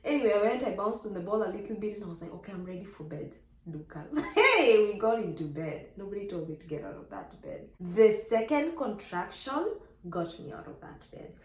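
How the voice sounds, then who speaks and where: Animated young woman telling a story. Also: a little fast. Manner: lively, acts out quoted dialogue with big pitch jumps. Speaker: vlogger telling her birth story. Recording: echoey room.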